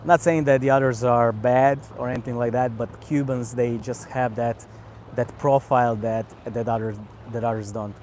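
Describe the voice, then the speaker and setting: A man with a Croatian accent hosting a casual live stream outdoors, relaxed and unhurried, often repeating words as he thinks. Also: medium pitch, slight background noise. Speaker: cigar channel host. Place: outdoors on a vacation island by the sea.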